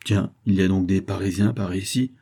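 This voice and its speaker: A man's voice: sits low, fairly even intonation, a little fast, vocal fry, dark tone, breathy edge, exaggerated voice. A man voicing a cunning young man who poses as a servant and speaks in a sly, insinuating way, in an audiobook.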